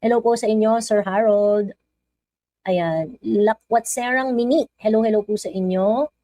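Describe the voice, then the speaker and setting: A woman with a Filipino accent chats casually on a live stream, greeting viewers and reading their comments aloud. Her voice is mellow and warm. The sound is dry and close to the mic. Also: fairly high pitch, unhurried, no echo, low-quality recording. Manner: chatty, code-switching, reads viewer comments aloud.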